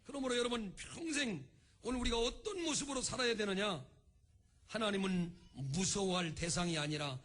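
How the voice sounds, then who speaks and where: A male pastor preaching a sermon in an animated style, acting out the quoted speech of the people in his story. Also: high voice, normal speed. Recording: broadcast recording of a church service.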